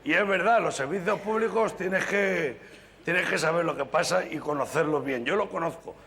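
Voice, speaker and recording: A man's voice: fairly high pitch, moderate pace, gravelly. A man telling jokes on stage as a stand-up comedian, acting out the characters in his stories. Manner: lively storytelling, acting out characters. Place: TV studio stage with audience. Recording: hall echo, audience laughter.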